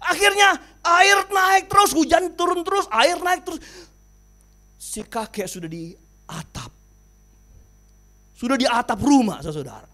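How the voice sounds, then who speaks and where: Male pastor, high voice, dramatic sermon storyteller. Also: unhurried, pauses often. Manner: animated, dramatic storytelling with sudden drops in volume.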